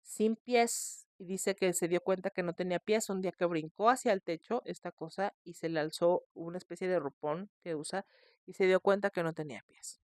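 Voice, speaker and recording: A woman hosting a podcast, telling a scary case in a chatty, expressive way. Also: on the low side, normal speed, no room sound, studio quality. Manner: chatty, expressive, shrieks in mock fright. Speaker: podcast host. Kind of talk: casual storytelling.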